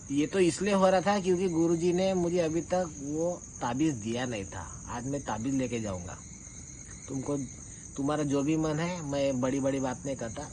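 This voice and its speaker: In a low-quality recording with clear insect-like chirping behind him, a man with a fairly high, darkish voice airs a grievance. His informal spoken rebuttal is accusatory and confrontational, delivered in casual language.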